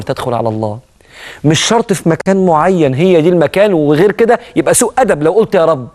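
Fast-talking Egyptian preacher, man. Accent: Egyptian Arabic. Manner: earnest, swings between loud emphasis and soft low asides. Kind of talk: religious TV talk.

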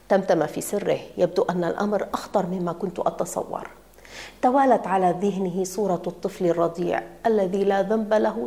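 A woman reads a dramatic tale aloud in a measured, expressive way. Her voice sits at an ordinary middle pitch, and her pacing builds the suspense. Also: gravelly. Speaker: narrator. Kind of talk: scripted story narration.

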